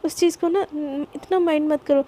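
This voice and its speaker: A woman's voice: high voice, fairly even intonation, moderate pace, dark tone, slight background noise, close to an everyday voice. A woman voicing a teasing, meddling young woman who needles others and stumbles over her denials. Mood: flustered.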